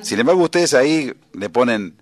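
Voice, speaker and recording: A man with a Rioplatense accent hosting a relaxed interview, asking questions with many hesitations. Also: mid-range voice, moderate pace. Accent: Rioplatense Spanish. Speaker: radio host. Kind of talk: casual interview chat.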